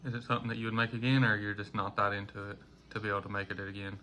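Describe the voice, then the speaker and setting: A man's voice: lowish voice, monotone, racing, sharp tone. A man chatting casually as a vlog co-host. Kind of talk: casual chat. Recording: faint background noise.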